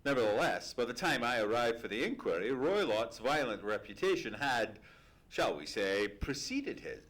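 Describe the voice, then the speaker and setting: A man's voice: medium pitch, very animated, a bit bright, rough recording. A man playing a courteous, earnest Victorian doctor who tells events formally and dramatically in an old-time radio mystery. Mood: ominous. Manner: formal, measured, dramatic storytelling. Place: theatre stage, live radio play performance.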